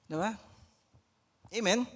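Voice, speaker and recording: A young man with a Filipino accent preaching a lively Taglish sermon, acting out everyday scenes in raised voices. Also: sits high, slow pace. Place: church hall. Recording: long church reverb.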